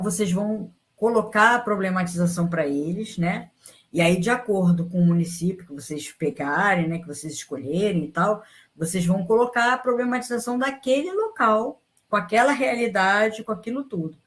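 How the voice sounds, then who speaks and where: A woman's voice: mid-range voice, moderate pace. A woman teacher talks her class through a lesson over an online call. She rambles and stops herself mid-sentence, then starts over. She checks in with her students after almost every point to keep them with her. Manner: rambling, frequent fillers and restarts.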